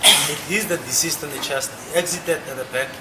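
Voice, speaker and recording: Male expert witness under cross examination, higher voice, formal technical explaining, noisy room. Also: fairly quick. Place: courtroom. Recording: echoey, noisy courtroom recording.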